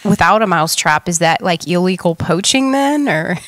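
A woman's voice: lowish voice, expressive, normal speed, fairly bright tone, no room sound. Giggly woman co-host tossing out guesses, dry close sound. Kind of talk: casual chat.

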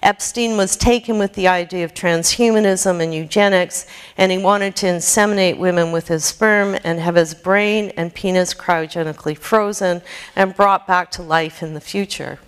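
A woman delivers an academic keynote in a measured reading voice, lowish in pitch and smooth in tone. Her words ring out with a long reverb from the lecture hall around her. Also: fairly even intonation. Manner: measured reading with occasional slips and restarts. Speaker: keynote speaker. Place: lecture hall with projected slides.

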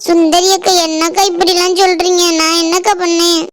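In a cartoon, a hurt village woman, voiced by a woman, protests her innocence. Her voice is very high and plaintive, and she sulks when she is rebuffed. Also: level tone, a little fast. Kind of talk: cartoon voice acting.

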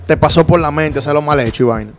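A man's voice: on the high side, fast talker, soft background music. A man with a Dominican accent hosting an interview show on a handheld mic, talkative and teasing, with a lot of street slang. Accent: Dominican Spanish. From Dominican Republic. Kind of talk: casual interview. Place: lounge bar set indoors.

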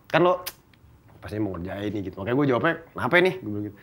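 A man's voice: on the low side, rapid-fire. A young man with a Jakarta slang accent, a podcast guest telling stories in casual chat, laughing and swearing. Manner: laughing, swearing, animated storytelling.

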